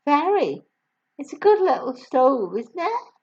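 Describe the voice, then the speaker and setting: A woman voicing a kind, gentle schoolteacher in a storybook reading. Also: high-pitched, sing-song, a little slow, muffled recording, pitched above the performer's own voice, full character voice.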